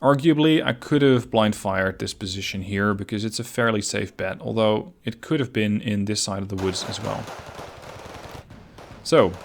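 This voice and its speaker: A man commentating his own strategy game replay, relaxed and analytical, pointing out his own mistakes as he goes. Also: fairly low pitch, normal speed, vocal fry. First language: not Finnish. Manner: relaxed, analytical, self-critical. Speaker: gameplay commentator.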